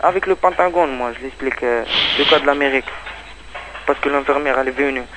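A man's voice: mid-range voice, fairly even intonation, quick pace, noisy background. A man who learned French as a second language gives a rambling, repetitive, agitated personal testimony about being undocumented. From Palestine. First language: not French. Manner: rambling, repetitive, agitated, non-native phrasing. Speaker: undocumented migrant giving testimony.

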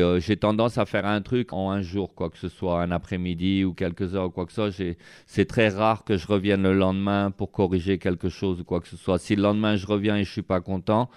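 This French man, interviewed as a street artist, has a low, darkish voice that is clear and resonant. He talks casually and rambles, using many fillers.

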